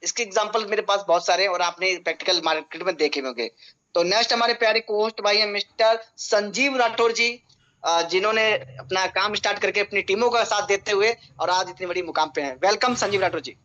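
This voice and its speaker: A man hosting an online meeting, speaking in a measured way with hesitant fillers. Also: sits high, sharp tone, lo-fi sound. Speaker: meeting host.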